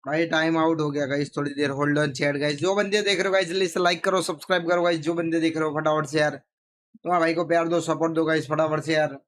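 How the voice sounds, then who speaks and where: Very fast-talking Indian man streaming. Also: a little high, little pitch movement, fairly bright tone. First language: Hindi. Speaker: watch party streamer. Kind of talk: casual live match reaction to chat.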